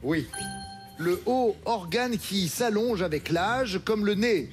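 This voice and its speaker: A man hosting a TV quiz show in a studio, reading questions briskly and crisply. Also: high-pitched, animated, soft background music.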